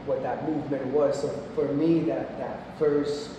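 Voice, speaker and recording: A man's voice: mid-range voice, a little slow. Man in his forties, echoey gallery. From Puerto Rico. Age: 40s. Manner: relaxed, explanatory, with frequent fillers. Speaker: guest artist. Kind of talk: casual artist talk. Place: art gallery. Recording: echoey gallery from far off, noisy.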